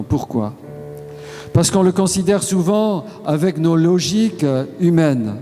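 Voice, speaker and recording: A man delivers a solemn sermon at a very unhurried pace, leaving pauses between short phrases. His voice sits a little high but sounds dark and mellow. A long reverb trails after his words, with faint music underneath. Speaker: preacher.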